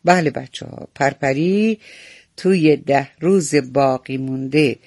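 A man gently narrating a bedtime story for children, speaking to them warmly and directly. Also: medium pitch, dry recording, studio quality. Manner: gentle, affectionate, talks straight to the kids.

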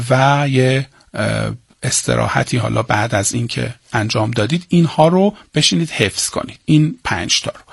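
A male teacher giving a lesson and dictating to students, chanting syllables slowly and spelling them out. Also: mid-range voice, creaky, husky, no echo, clean studio sound. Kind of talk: classroom lesson on Persian prosody.

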